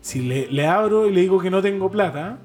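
A man's voice: high voice, lively intonation, a little fast, faint music behind. Rambling Chilean man, slangy podcast chat. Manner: rambling, slangy, laughing storytelling. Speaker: podcast co-host. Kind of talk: casual chat. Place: home living room.

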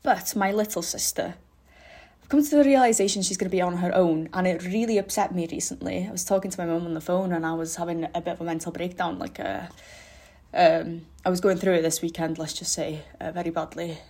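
A woman's voice: on the low side, steady tone, a little fast, dark tone, breathy edge. Rambling, sweary young woman. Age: young adult. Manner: rambling, candid, sweary, self-mocking humour. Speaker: podcast host. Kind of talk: casual solo podcast chat.

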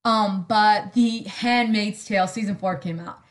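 A young woman hosting a solo podcast in casual chat, sarcastic and rambling, full of "like" and quick asides. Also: medium pitch. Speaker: podcast host.

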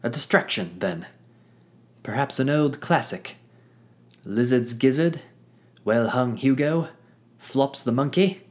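A man's voice: lively intonation, slow. A man voicing a theatrical, pompous male showman who talks in grand flourishes. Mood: eager. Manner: grandiloquent, booming, dramatic flourishes. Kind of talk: audio drama character acting.

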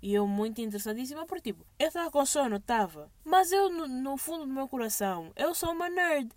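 Animated high-voiced young woman. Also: fairly quick, no echo. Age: young adult. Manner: animated, mixes English phrases into Portuguese. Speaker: vlogger. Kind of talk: casual storytime monologue.

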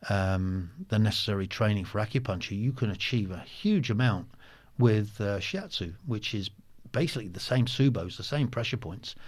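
A man in his sixties telling stories in a casual interview, halting with many ums and restarts. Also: fairly low pitch, darkish tone. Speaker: guest, former soldier.

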